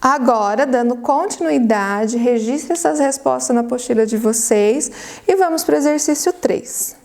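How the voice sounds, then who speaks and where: A Brazilian Portuguese woman teaching a primary school class on video, dictating words slowly and cheering the children on. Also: high-pitched, creaky, a little mellow. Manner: slow, drawn-out word dictation with encouraging prompts. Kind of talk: recorded video lesson for children.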